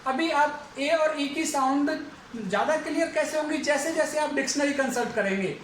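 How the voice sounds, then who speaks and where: A male English lecturer giving a phonetics lesson for exam students, who repeats each example word slowly several times. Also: very high voice. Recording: echoey room, faint background noise.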